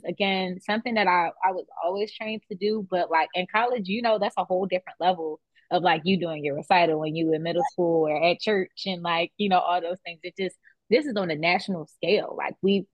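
A young woman speaks as an interview guest, her voice fairly low for a woman and a little dull, as if recorded on modest gear. The room is dry and close, with no echo. She talks loosely and keeps checking in with "right?". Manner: conversational, many "like" and "right?" tags. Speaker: guest, beauty business founder. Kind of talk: casual interview chat.

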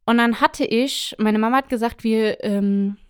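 A young woman in casual chat, telling anecdotes in a lively, colloquial way with frequent tag questions. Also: fairly high pitch, a little slow, smooth. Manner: chatty, animated, colloquial, many tag questions.

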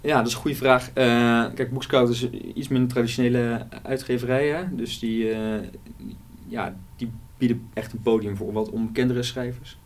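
A man's voice: mid-range voice, fairly even intonation, normal speed. A man, an author, talking through his novel in a casual interview, hesitant and full of fillers. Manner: hesitant, many fillers and restarts.

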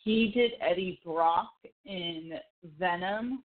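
A podcast co-host with a lowish voice speaks slowly, sharing her opinions informally and conversationally on a casual chat show. The audio is thin and band-limited, like a phone.

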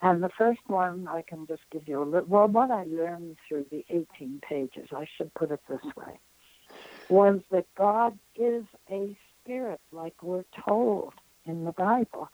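A woman in her nineties, a spiritual counselor being interviewed, telling an experience in an earnest, reflective way with frequent pauses. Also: on the low side, warm tone, dry recording, low-quality recording. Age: 90s.

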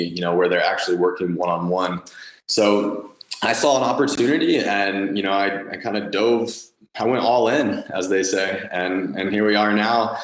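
Male guest, late 20s, enthusiastic chatty founder, lowish voice, echoey room. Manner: enthusiastic, many fillers and restarts. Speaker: guest, nutrition company founder. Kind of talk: conversational podcast interview.

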